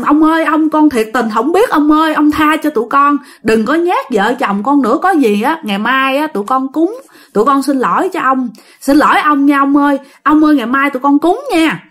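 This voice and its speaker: A woman's voice: high voice, fairly bright tone. A woman voicing a frightened middle-aged husband who pleads and begs. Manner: fearful, pleading, begging.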